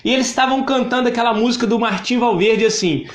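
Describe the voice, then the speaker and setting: Brazilian man in his thirties, very high voice, emphatic faith testimony, echoey room. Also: quick pace. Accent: Brazilian Portuguese. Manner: emphatic and repetitive, often greets viewers by name. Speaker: church speaker sharing his testimony. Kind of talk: personal testimony to live viewers.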